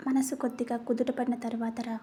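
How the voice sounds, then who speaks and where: A patient husband in a narrated story, as a woman puts him on speaks gently and consoles his wife. The voice is mellow and breathy. It moves little in pitch. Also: little pitch movement, brisk. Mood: gentle. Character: caring middle-aged husband, patient and gentle.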